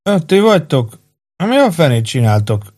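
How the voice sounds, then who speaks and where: Man doing a drowsy gruff army corporal. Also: fairly high pitch, sing-song, a little mellow, voice pushed up. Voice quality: gruff, sleepy.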